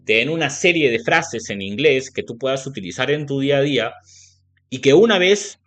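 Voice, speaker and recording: A man's voice: mid-range voice, expressive, normal speed, a bit bright. A man with a Latin American Spanish accent teaching a video lesson, explaining step by step and checking in often with the viewer. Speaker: English teacher.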